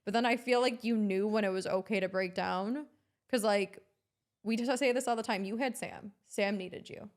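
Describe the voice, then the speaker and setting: A woman co-hosting a candid podcast conversation. She speaks emphatically and supportively as she talks things through, in an ordinary mid-pitched voice. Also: moderate pace. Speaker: podcast co-host.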